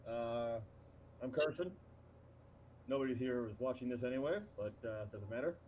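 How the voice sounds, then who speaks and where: A man in his fifties from Wisconsin chats in a relaxed, joking, slangy way. The recording is a bit muffled, with a faint hiss in the background. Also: mid-range voice, moderate pace. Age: 50s. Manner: laid-back, joking, slangy. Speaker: podcast co-host. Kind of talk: casual chat.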